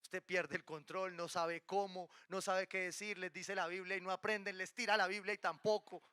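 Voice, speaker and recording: High, bright-voiced male pastor preaching. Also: normal speed, smooth, no room sound, studio quality. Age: adult, married with children. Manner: lively preaching with rhetorical questions and playful asides. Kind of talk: sermon.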